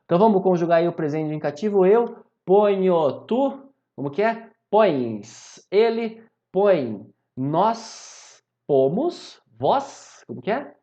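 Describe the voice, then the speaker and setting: Animated Brazilian teacher, lively pitch. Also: male voice, slow pace, dull audio. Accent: Brazilian Portuguese. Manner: animated, repeats "maravilha?" and "tá?" to check in with students. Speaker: Portuguese grammar teacher. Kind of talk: classroom video lesson.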